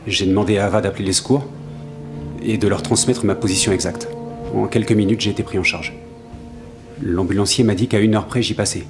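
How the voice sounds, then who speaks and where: A man's voice: on the low side, steady tone, fairly quick, long pauses, music in the background, close to an everyday voice. An actor playing an earnest, slightly hesitant salesman in his thirties testifying in a courtroom audio drama. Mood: earnest, shaken. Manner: hesitant, earnest witness account. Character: grateful 35-year-old travelling salesman testifying in court.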